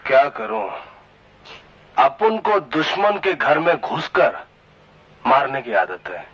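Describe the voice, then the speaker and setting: An actor playing a defiant, swaggering street-tough hero with Bombay street Hindi, cocky and taunting, in a Bollywood melodrama. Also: male voice, fairly high pitch, very animated, slow, gravelly, fairly bright tone, full character voice. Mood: cool threat. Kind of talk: Bollywood melodrama film acting. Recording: dull lo-fi old film soundtrack.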